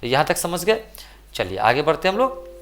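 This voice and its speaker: A man with a Bihari Hindi accent teaching an English pronunciation lesson. He asks and answers his own questions, and repeats and stretches words slowly. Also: on the high side, sing-song, fairly bright tone. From India. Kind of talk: classroom lesson.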